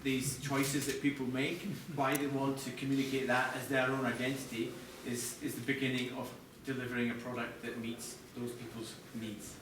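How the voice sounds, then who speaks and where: Speaking to an audience in an echoey presentation room, a middle-aged Scottish man presents live as chief TV product designer, recorded from a distance with clear background noise. His mid-range voice is flat, moderately paced, with hardly any pauses, and his style is conversational, hesitant, and full of restarts.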